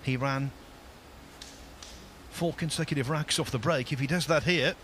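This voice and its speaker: A man's voice: mid-range voice, moderate pace, a bit bright, a little hiss or hum. A man commentating on a pool match, giving emphatic, punchy remarks backed by stats. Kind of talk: live sports commentary.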